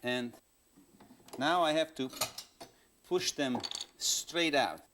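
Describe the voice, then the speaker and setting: A man's voice: a little high, drawn-out words, sharp tone, a little hiss or hum. A man patiently demonstrating woodworking step by step, speaking plain English with non-native phrasing, heard from a worn videotape copy. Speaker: woodworking instructor.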